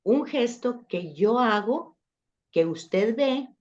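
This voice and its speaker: A woman's voice: fairly high pitch, lively intonation, slow pace, darkish tone, muffled recording. Patient woman teaching a church class. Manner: explains patiently with everyday examples, addressing listeners. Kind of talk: teaching a church study session.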